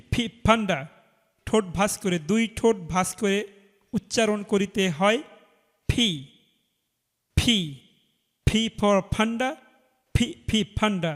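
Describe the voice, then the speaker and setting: A man teaching a phonics lesson, slowly chanting each letter sound and example word over and over. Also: high-pitched. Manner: slow, drawn-out, repetitive drilling of sounds. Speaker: English teacher. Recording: long hall reverb.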